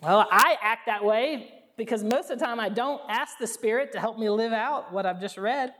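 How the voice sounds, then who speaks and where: A woman's voice: fairly high pitch, normal speed, slight background noise. A woman preaching a sermon, earnest, telling stories and calling on the congregation to answer. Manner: earnest, warm storytelling with congregation call-and-response. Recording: long reverb of a hall.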